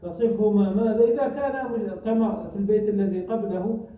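A high-pitched man teaches a grammar lesson, quizzing his students with short questions and repeating examples slowly. He sounds far from the mic in a heavily echoing hall, and the sound is thin and phone-like. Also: steady tone. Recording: echoey, distant, phone-like recording.

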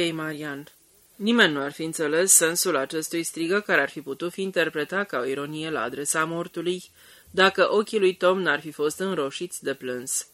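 A man narrating an audiobook in a steady, measured reading. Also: fairly high pitch, dry recording. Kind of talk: scripted narration.

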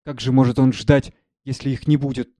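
A man's voice: mid-range voice, steady tone, fairly quick, dark tone, no room sound, lightly acted. A man reading aloud, voicing a naive male servant who asks puzzled questions.

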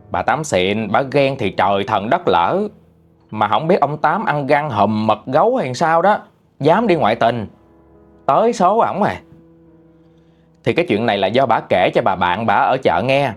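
A man's voice: mid-range voice, sing-song, a little slow, pauses often. A man with a Southern Vietnamese accent telling a gossipy story in a chatty, exclamatory way. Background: faint music.

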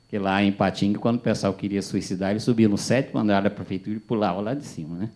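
A male pastor, giving a sermon testimony as animated storytelling with acted dialogue. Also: fairly low pitch, quick pace.

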